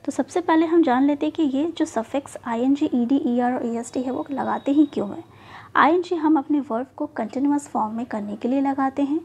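Woman w/ doing a spelling lesson, highish voice, keeps saying okay. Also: a little mellow. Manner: explains slowly with repeated "okay" and "theek hai" checks. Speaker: English teacher. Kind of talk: spoken lesson mixing Hindi and English.

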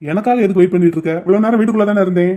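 A calm, reasoning family man, played by a man talks people down with patient persuasion. His voice is fairly high and he keeps a brisk pace. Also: natural voice. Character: calm reasoning father and older brother.

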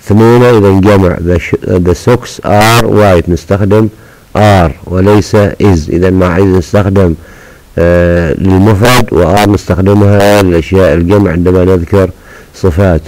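A man explaining English words in a recorded lesson, patiently repeating and spelling them out slowly. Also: sits low, steady tone, a little mellow, poor audio. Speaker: English teacher.

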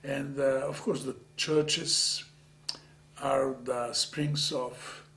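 Older Macedonian-accented man, halting and gravelly. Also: medium pitch, little pitch movement, fairly bright tone. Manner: halting, searching for words, earnest. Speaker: interviewee, author of dictionaries. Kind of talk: reflective oral history interview. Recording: faint hum and background noise.

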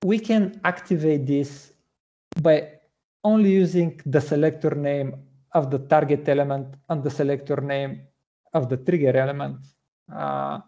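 Slow, gravelly man demoing code. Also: medium pitch, warm tone, lo-fi sound. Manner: methodical, explanatory, many "uh" pauses. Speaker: front-end developer presenting. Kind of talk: screen-share coding walkthrough.

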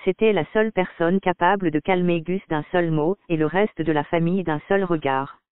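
A man calmly reading a first-person story in an audiobook, on dry, tinny phone-like audio. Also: high voice, clean tone, no echo. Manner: calm, measured reading. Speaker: audiobook narrator. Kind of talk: scripted first-person narration.

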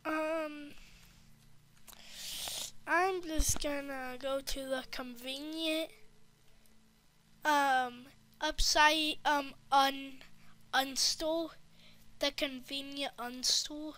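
Female gaming host; unhurried, drawn-out delivery, rambling commentary with frequent whispered asides. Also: high-pitched, steady tone, bright, forceful tone. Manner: rambling, often drops to a whisper. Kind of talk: casual gameplay commentary.

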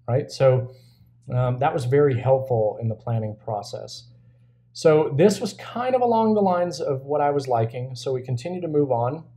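Relaxed man narrating a screen walkthrough. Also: medium pitch. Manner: relaxed, thinking aloud with fillers. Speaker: woodworking channel host. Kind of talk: casual screen-share walkthrough.

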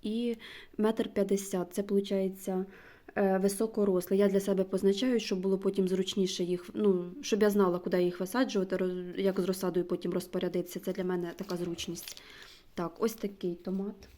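A woman vlogger in casual show-and-tell chat, slowly reading out names and sometimes dropping to a near-whisper. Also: mid-range voice, little pitch movement, warm tone. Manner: chatty, slow, reads out names one by one; drops to a near-whisper when reading labels. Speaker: gardening vlogger.

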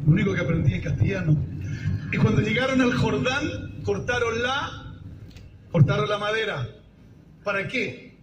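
A man preaching a sermon with a high, clear voice. He exhorts the congregation and reads verses slowly. He is heard from far off in an echoey church, with loud traffic noise behind. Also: expressive. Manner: exhorting, has the congregation repeat phrases; reads scripture aloud slowly. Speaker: pastor. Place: church hall.

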